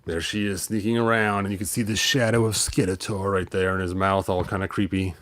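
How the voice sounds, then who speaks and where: This storybook-and-toy show host has a low, fairly bright voice and a flat delivery, reading a bit fast with no room sound. He reads a children's story but casually wanders into playful asides, wry comments, and sound effects.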